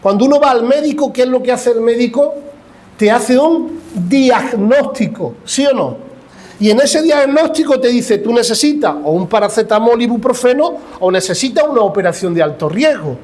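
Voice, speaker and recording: A middle-aged pastor with an Andalusian Spanish accent, preaching an impassioned sermon in church that acts out conversations and puts questions to the congregation. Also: male voice, very high voice, expressive, moderate pace, a little mellow.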